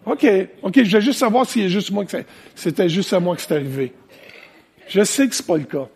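A man with a Quebec French accent preaching an animated, conversational sermon with plenty of asides. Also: high-pitched, a little fast, gravelly, husky. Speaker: pastor. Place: church, preaching to online viewers.

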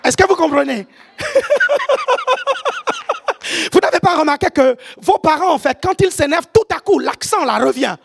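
Woman preacher with an African French accent, high voice that swings widely, animated and often shouting. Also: a little fast, creaky, few pauses. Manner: animated, often shouting, keeps checking the congregation follows. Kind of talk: sermon.

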